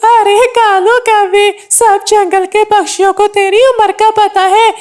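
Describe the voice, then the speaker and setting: A woman's voice: very high-pitched, fairly even intonation, measured pace, darkish tone. A woman voicing a smug, gossipy male parrot in a cartoon who mocks his friend. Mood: teasing. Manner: teasing, scolding. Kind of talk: cartoon voice acting.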